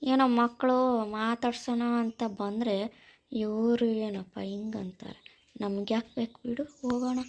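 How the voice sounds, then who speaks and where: A woman voicing a rough-looking, fretful stranger man in a cartoon, muttering defensively. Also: fairly high pitch, fairly even intonation, moderate pace, darkish tone. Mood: grumbling.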